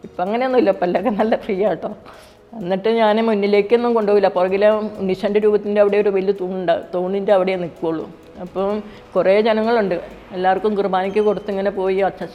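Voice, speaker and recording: Fast-talking middle-aged mother, echoey. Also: mid-range voice. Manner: quick, plain speech with frequent restarts. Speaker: mother giving a faith testimony. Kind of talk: personal storytelling. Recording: dull, reverberant, with soft music behind.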